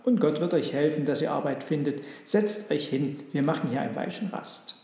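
A man voicing Maria, a gentle, loving young mother, in a storybook reading. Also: fairly high pitch, moderate pace, lightly acted. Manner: warm, joyful, caring. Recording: roomy echo.

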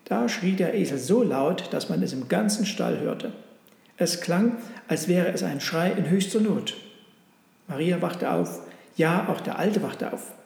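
A man reading a storybook aloud in a measured, gentle way. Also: high-pitched, animated, gravelly. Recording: roomy with long reverb.

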